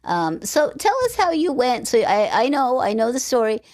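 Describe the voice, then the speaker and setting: A woman's voice: a little high, sing-song, moderate pace, darkish tone. A woman hosting a podcast interview, talking in a chatty, conversational way with asides. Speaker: podcast host. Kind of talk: casual interview chat.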